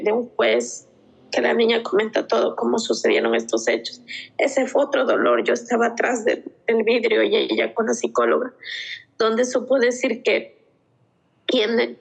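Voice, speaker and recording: A woman's voice: fairly high pitch, creaky, husky, rough recording. A woman, an interview guest giving an emotional personal testimony and retelling events through quoted dialogue. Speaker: interview guest, mother of a child victim.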